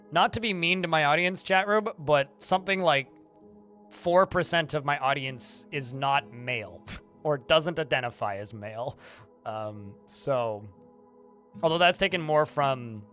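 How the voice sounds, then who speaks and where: A man talks his way through a game on a live stream, rambling to his chat in an even tone that some listeners take for irritation. His voice is bright and forceful and sits a little high, and faint game music plays underneath. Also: slow pace, long pauses. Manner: talks in a flat tone that some hear as annoyed; chatty, rambling asides to chat. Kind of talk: live-stream gameplay commentary.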